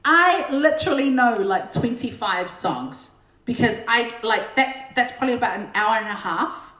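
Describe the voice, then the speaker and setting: On a lockdown livestream from a room in her home, a singer and singing teacher chats and jokes between songs, her voice on the high side, animated, fairly bright, and moderately paced. She's chatty and self-deprecating, with a big belting voice, while roomy echo and faint backing music color the recording.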